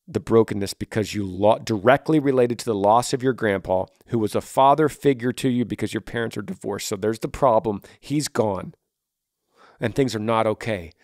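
A man's voice: mid-range voice, no room sound. Earnest man with a dry close sound. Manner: warm, encouraging, reflective with emphatic rises. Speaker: podcast host answering listener questions. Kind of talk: earnest advice-giving podcast talk.

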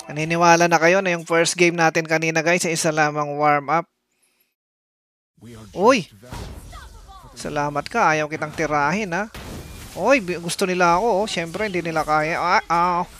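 A man streaming live gameplay, excitable and commenting as he plays, with sudden exclamations and playful taunts at his opponents. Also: fairly high pitch, unhurried, long pauses, slight background noise. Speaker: game streamer.

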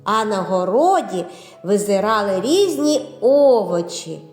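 Slow, lively woman teaching kids. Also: medium pitch, faint music behind. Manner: slow, clear, drawn-out teacher's delivery. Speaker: teacher and narrator. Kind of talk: children's phonics lesson narration. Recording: roomy echo.

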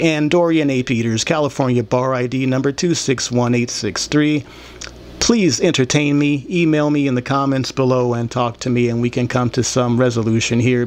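This is a mid-range, darkish-toned male voice belonging to a man in his thirties who runs his own show. Speaking to camera in a small room, he rambles through a blunt, aggrieved, profane monologue of opinions. He uses a desktop microphone, later handheld, and the clear recording carries background noise and room ambience.

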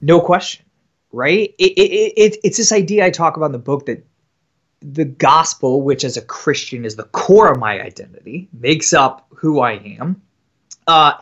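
A man in his thirties speaking as a guest author in a podcast interview, energetic and talkative, repeating words as he starts a thought and often adding "right?". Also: fairly high pitch, highs cut off.

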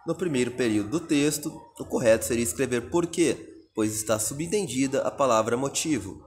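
A Brazilian man teaching a recorded exam-prep lesson, reading out answer options and explaining each one step by step. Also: medium pitch. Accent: Brazilian Portuguese.

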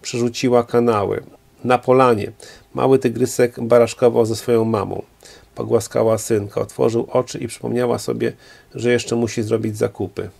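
Gravelly male reader narrating a novel. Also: mid-range voice, flat delivery, normal speed, darkish tone. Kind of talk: reading a novel aloud.

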